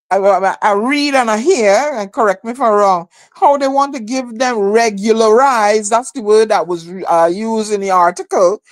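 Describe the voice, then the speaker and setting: A woman from Barbados talks politics in a loose, casual way, her voice sitting fairly high. She presses her points hard, doubles back on her words and quotes slogans. The sound is dry and close, with no room echo. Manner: emphatic, repeats phrases, quotes slogans. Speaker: host. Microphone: streaming call.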